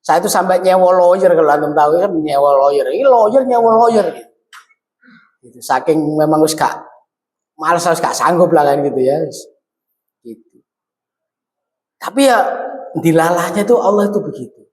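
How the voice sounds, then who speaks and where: An East Javanese preacher delivers a lively sermon, his voice pitched high and climbing higher as he exhorts. He slips Javanese phrases into his talk. The recording rings with the long echo of a large hall. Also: moderate pace, long pauses. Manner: animated, swings high when exhorting, mixes Javanese into Indonesian. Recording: echoey hall, long reverb.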